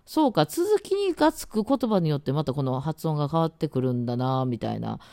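A chatty woman with an Osaka accent talks through her solo podcast, rambling with lots of fillers. Her pitch swings widely from low to high. The recording is close and dry, with no room sound. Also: big pitch swings, a little fast, mellow, no echo. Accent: Osaka dialect. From Osaka, Japan. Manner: chatty, rambling, many fillers, tries out words aloud. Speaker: radio talk host and musician. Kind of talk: casual solo podcast chat.

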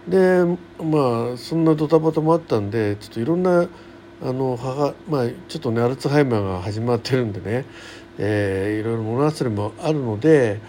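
A middle-aged man hosting a solo radio show chats in a casual, colloquial, folksy way, rambling through anecdotes from his daily life. His medium-pitched voice is mellow and expressive, and he talks fairly quickly. The recording carries faint background noise.

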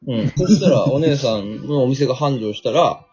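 A man hosting a casual radio talk show, joking and teasing his co-hosts in a playful, animated way. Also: medium pitch, normal speed, breathy edge. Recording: dull lo-fi with faint music.

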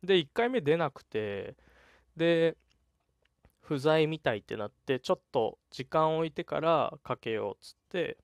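A young man in his twenties casually telling a story on his solo talk show, animated and chatty, acting out the quoted lines. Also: fairly high pitch, a little slow, gravelly, no echo. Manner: chatty, animated retelling with laughs and voiced quotes. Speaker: podcast host.

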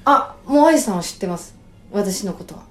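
A woman comedian in her thirties, hosting a casual radio chat and telling stories in an animated way, with sudden excited outbursts. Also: mid-range voice, a little fast, echoey room, crowd noise. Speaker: comedian and impressionist host.

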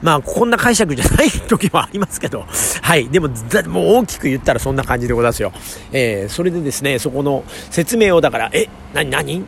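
A man's voice: fairly high pitch, expressive, quick pace. A man hosting his own talk show, chatting politely with many fillers, recorded outdoors near a station. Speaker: podcast host. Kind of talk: casual solo talk. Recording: faint street noise outdoors.

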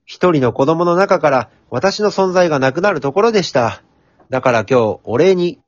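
A man acts out a jolly, earnest Santa in a comedy radio drama. The voice sits high and moves around a lot, theatrical yet polite. The recording is slightly dull and very dry. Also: animated, normal speed, no echo. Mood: earnest, gentle.

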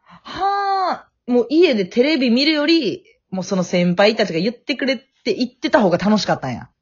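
A young podcast co-host with a Kansai Japanese accent trades quick, teasing banter with her friend in a casual, animated chat. Her husky voice swings widely in pitch. She joins by remote call from her family home, and the audio is dull and lo-fi.

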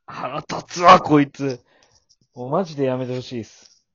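A man co-hosting a casual podcast chat, scolding his partner in mock anger with sudden shouted jabs. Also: mid-range voice, normal speed, dull audio, noisy background. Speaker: podcast co-host.

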